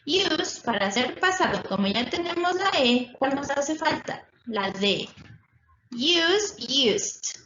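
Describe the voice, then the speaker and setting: Slow-explaining woman teacher, echoey lo-fi. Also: high-pitched, expressive, fairly bright tone, a little hiss or hum. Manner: slow, repetitive explaining with check-in questions. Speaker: English teacher. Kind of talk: recorded distance-school lesson. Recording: echoey, dull lo-fi room recording.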